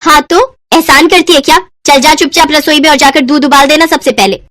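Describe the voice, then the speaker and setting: A woman voicing a harsh, bossy elder sister-in-law in a cartoon story, who scolds and shouts. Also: high voice, steady tone, brisk, pitched above the performer's own voice. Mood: scolding.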